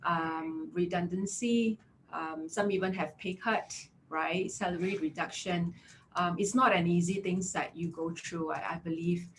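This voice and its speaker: Hosting a career webinar, this thirties-aged HR consultant from Malaysia keeps things chatty, peppering her Malaysian English with fillers, "yeah," and "right?". She speaks unhurriedly in a steady, fairly low voice over a little hiss or hum.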